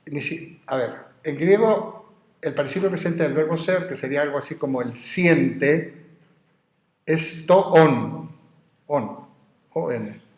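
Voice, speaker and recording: A man gives a university philosophy lecture, wandering into asides as he explains Greek terms. His voice sits at an ordinary middle pitch, and it carries a noticeable room echo the classroom. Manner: digressive, explains Greek terms slowly, spells words out.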